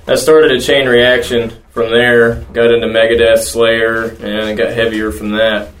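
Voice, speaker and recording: A man's voice: medium pitch, flat delivery, measured pace, a bit bright. A hesitant man from small-town North Carolina talks about his musical start. He is recorded far from the mic in a roomy space, with faint noise. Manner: hesitant, full of ums. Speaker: band lead guitarist. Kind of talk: casual interview chat.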